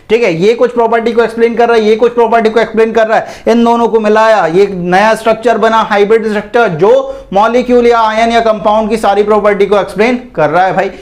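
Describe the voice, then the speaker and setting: A man teaching an exam-prep chemistry lecture, asking the class questions and answering them himself, calling students "bhai". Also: high-pitched. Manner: repetitive, asks and answers own questions; calls listeners "bhai".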